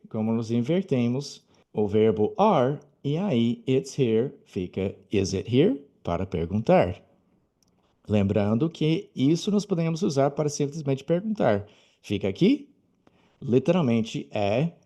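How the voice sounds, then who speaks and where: Patient, warm-voiced male teacher. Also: mid-range voice. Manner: patient, repeats and slows down to model example phrases. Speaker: English teacher. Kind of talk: explanatory video lesson.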